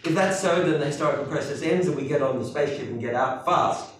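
A man's voice: fairly high pitch, quick pace, slight background noise. An older man giving a keynote lecture at a lectern, emphatic and sardonic, making sweeping claims with rhetorical questions. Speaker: keynote speaker. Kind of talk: academic lecture. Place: lecture hall with wood paneling and small audience. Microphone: lectern microphone, recorded from a distance. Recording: echoey hall, distant mic.

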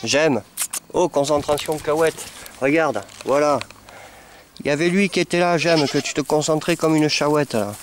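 A man, a dog breeder, coaxing and training puppies among goats with affectionate baby talk and sudden high calls. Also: normal speed, slight background noise. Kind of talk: talking to puppies and goats while training them. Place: animal pen with goats.

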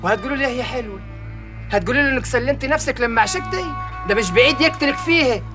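A man's voice: very high-pitched, lively intonation, rapid-fire. An actor playing a callous, scornful young Egyptian man with a cold, dismissive way of talking, in a TV drama with a music score. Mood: callous, mocking.

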